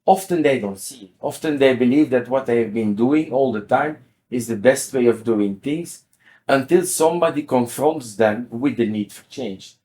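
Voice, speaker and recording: This company CEO, a man in his sixties with a Belgian accent, is a guest in an interview. He speaks at an ordinary pace in a medium-pitched, dark-toned voice, explaining things and frequently repeating words along the way.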